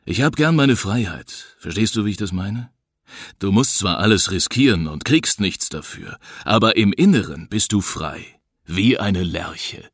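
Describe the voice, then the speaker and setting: A man voicing a weary, stubborn western loner in an audiobook, calm and blunt. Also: on the low side, measured pace, no room sound, studio quality. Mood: wistful.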